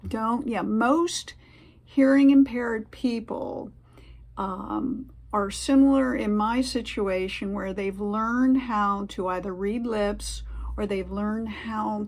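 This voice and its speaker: Gravelly woman giving earnest advice. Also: medium pitch, steady tone, slow pace, a little mellow. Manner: earnest, rambling, with many fillers and restarts. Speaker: vlogger sharing tips. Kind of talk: casual advice talk to camera.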